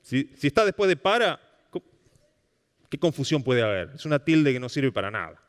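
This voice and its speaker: An Argentine man with a Rioplatense Spanish accent gives a public lecture on language in a cultural center's hall, where a long reverb trails his words. His voice is medium-pitched at a moderate pace, and he's animated, frequently questioning the audience.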